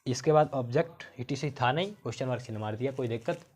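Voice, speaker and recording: A male teacher works through grammar examples with his class, one step at a time. He keeps checking with his pupils whether they have understood, and he slows down to spell out words. His voice sits at an ordinary middle pitch. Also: a little mellow. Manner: explains step by step, asks the pupils questions again and again.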